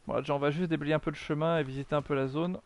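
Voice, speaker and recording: A man's voice: a little high, fairly even intonation, rapid-fire, a little hiss or hum. A man giving chatty live commentary while streaming a video game, mocking himself, swearing often and answering his chat.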